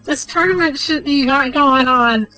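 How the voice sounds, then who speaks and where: A woman voicing an eager, cocky boy hero who talks in excited slang. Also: sits high, moderate pace, faint music behind, poor audio.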